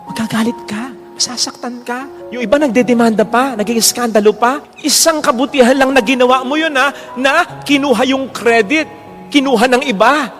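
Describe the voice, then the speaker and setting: A man, a priest preaching a sermon in an animated way, often jumping into quoted voices and mixing in English. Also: very high voice, long reverb tail.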